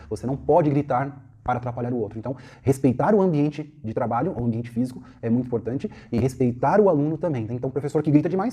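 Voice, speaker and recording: Fast-talking, very dark-voiced instructor. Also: medium pitch, husky. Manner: asks rhetorical questions and acts out quick example cues. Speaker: Pilates instructor teaching a course. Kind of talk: instructional lecture.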